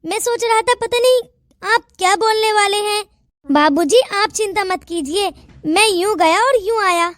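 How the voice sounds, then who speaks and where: A woman's voice: very high voice, normal speed, no room sound, clean studio sound. Woman voicing an eager young servant man. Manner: respectful, eager to please.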